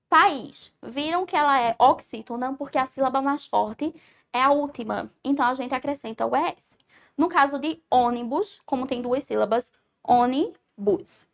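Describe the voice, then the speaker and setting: Brief: Brazilian woman teacher, high voice with a gravelly fry, patient explaining tone. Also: moderate pace. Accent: Brazilian Portuguese. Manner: clear explanatory delivery, checks with "certo?". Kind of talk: recorded grammar lesson.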